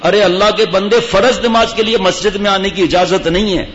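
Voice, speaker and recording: A man's voice: high-pitched, steady tone, fairly bright tone. A middle-aged man preaching a Friday sermon as imam, scolding the congregation with rhetorical questions. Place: mosque. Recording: dull lo-fi sound with faint hiss.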